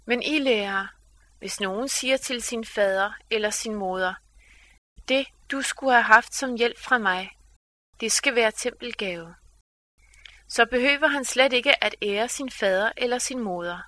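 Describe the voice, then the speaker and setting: Woman, scripture reading, solemn, measured, crisp bright tone. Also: fairly high pitch, no room sound. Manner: measured, solemn read-aloud delivery.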